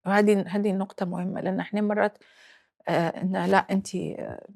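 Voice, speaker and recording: A Libyan-accented woman in her forties tells her story in an interview. She is reflective and halting, slipping English phrases in as she goes. Her voice has a gravelly, creaky texture. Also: medium pitch, steady tone, darkish tone. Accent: Libyan Arabic. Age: 40s. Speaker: guest. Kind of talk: personal interview.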